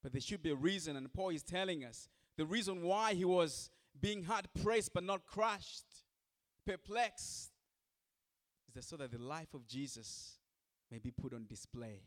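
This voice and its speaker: A male pastor delivering a sermon in a slightly higher-than-usual voice. He speaks in short, repeated phrases and turns often to the congregation with direct questions. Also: expressive, a little slow.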